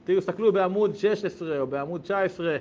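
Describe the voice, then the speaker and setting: A man teaching a Torah lesson, reading passages aloud and explaining them with loud, emphatic exclamations. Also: high-pitched. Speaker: rabbi teaching a class. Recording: dull lo-fi sound with faint background noise.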